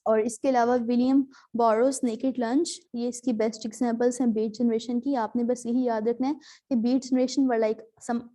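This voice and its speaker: A woman's voice: on the high side, flat delivery, normal speed, mellow. A woman teaching an online class over a video call, explaining step by step with frequent fillers on her terms. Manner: explains patiently, mixing in English terms, many fillers.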